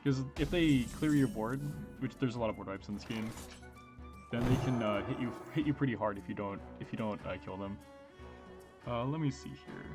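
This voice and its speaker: Male gamer, medium pitch, casual commentary, thinking aloud, hesitant explanations, game music behind. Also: normal speed. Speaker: gamer, host.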